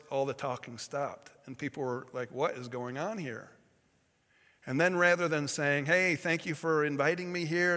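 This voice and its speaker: A man's voice: a little high, a bit bright, long reverb tail. A man preaching a sermon, telling a story with fillers and self-corrections as he goes. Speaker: pastor.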